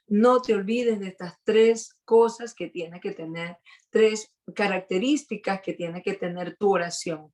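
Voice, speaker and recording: A woman preaches a sermon over a video call. Her voice is slightly hoarse and mid-pitched, and she speaks slowly and earnestly, pausing to stress each point. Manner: earnest, with emphatic pauses.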